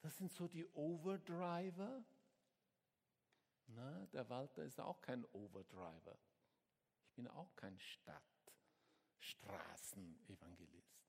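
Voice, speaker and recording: A man preaching a sermon as a pastor, swinging between hushed words and sudden shouts to his congregation. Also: mid-range voice, expressive, slow, creaky, long pauses, husky, in a large hall. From Switzerland.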